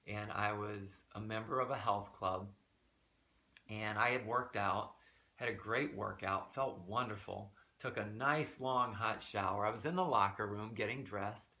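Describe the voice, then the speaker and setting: A man talking softly and earnestly in a reflective personal vlog, recorded in a small quiet room. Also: lowish voice, steady tone. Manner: soft, unhurried, earnest. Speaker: vlogger.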